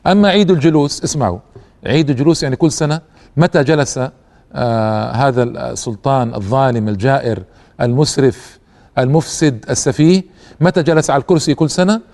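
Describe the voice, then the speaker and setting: A man's voice: medium pitch, creaky, darkish tone. A man presenting a history lecture in formal Standard Arabic, in a didactic manner that speaks straight to the listener. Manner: didactic, addresses listeners with rhetorical questions and asides. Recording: long hall-like reverb.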